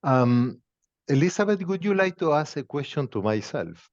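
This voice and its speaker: A man's voice: fairly high pitch, very animated. Argentine-accented man, muffled call audio. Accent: Argentine Spanish. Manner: measured, non-native phrasing with pauses. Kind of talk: conversational interview.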